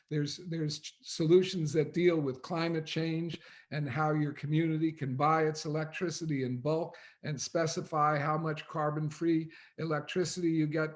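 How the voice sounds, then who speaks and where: A man presenting on an online webinar, explaining things in an earnest, persuasive way. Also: a little high.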